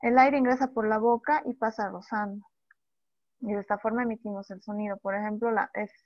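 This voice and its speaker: A woman teacher giving an online language lesson, who sounds out speech sounds slowly and repeats examples. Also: mid-range voice, steady tone, no room sound. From Bolivia. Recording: dull dry lo-fi audio.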